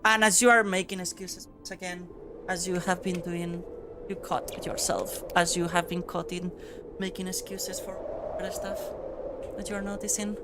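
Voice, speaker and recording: A woman game master narrating a tabletop game in a relaxed way, with chatty fillers. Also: lowish voice, normal speed, music in the background.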